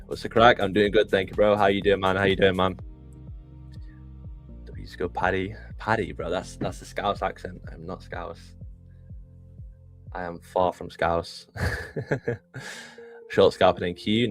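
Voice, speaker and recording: Young UK man, very deep voice, relaxed stream co-host, soft music underneath. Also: moderate pace. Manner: laid-back, chatty, greets chat. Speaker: live trading stream co-host. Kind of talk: casual live-stream chat. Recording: faint music behind.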